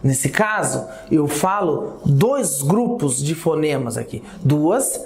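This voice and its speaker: Woman teacher, Brazilian accent, informal and checking in with students; slow delivery, echoey recording. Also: sits low, animated, gravelly, a little mellow. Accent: Brazilian Portuguese. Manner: addresses students informally, checks understanding with repeated "tá?" and "ok?". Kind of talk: recorded class lesson. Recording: echoey classroom sound.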